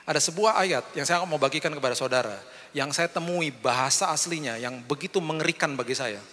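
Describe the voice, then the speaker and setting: Forceful middle-aged male pastor, reverberant hall. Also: on the high side. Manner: personal storytelling that acts out the voices in the dialogue; addresses the congregation directly. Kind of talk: sermon. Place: large church hall. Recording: long hall reverb from the church.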